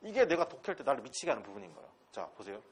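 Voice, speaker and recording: In a medium-pitched, sing-song voice, a man from Pohang, South Korea, rushes through an English lecture at a transfer-exam academy, with a little hiss or hum on the recording. His Gyeongsang accent comes through as he talks bluntly and casually, crude slang included, firing rhetorical questions at his students.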